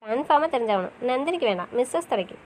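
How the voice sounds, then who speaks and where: A woman playing a quick, devoted young wife. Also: sits high, animated, a little mellow, slight background noise. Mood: affectionate. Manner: affectionate, pleading and coaxing. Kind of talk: romantic audio drama.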